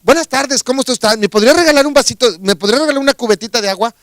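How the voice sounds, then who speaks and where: Man putting on a lonely hermit, high-pitched, eager and pleading, snappish, dry sound. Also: racing, fairly bright tone, no echo. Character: lonely, defensive hermit man rehearsing a request.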